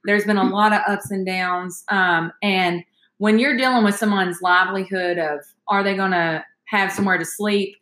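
A woman with a mid-range, slightly bright voice hosts a podcast, chatting through stories and calling listeners y'all. Her intonation stays fairly even at a normal speed, and the sound is reverberant.

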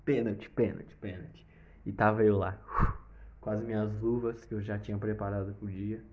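A young man with a Brazilian accent telling a personal story in a casual, animated way, with sound effects and swearing. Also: lowish voice, normal speed. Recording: slightly dull lo-fi recording.

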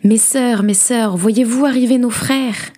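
A woman's voice: on the low side, fairly quick, warm tone, natural voice. A woman voicing a frightened young wife who stammers and pleads for her life in a storybook reading. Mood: pleading.

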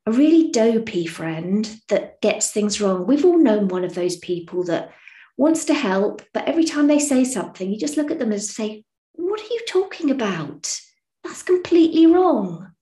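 A woman talks through advice in a relaxed, encouraging way, frank enough to drop the odd swear word. Her voice sits at an ordinary middle pitch. The recording carries a noticeable roomy echo. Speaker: podcast host. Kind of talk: casual advice talk. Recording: echoey room.

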